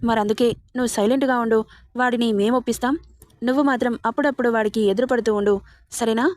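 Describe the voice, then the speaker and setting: A woman's voice: fairly high pitch, steady tone, fast, darkish tone, lightly acted. A woman voicing a kind, coaxing mother-in-law. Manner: coaxing and reassuring.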